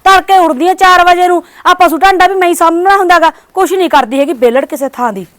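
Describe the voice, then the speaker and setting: A woman's voice: very high voice, fast. A woman playing a cold, nagging daughter-in-law who scolds and dismisses her mother-in-law. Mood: harsh. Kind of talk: village short-drama acting.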